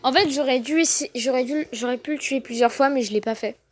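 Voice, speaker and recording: A woman giving casual gameplay commentary, excitable and fretful, thinking aloud to her viewers. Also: high-pitched, a little fast. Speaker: gaming video host. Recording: noticeable background noise.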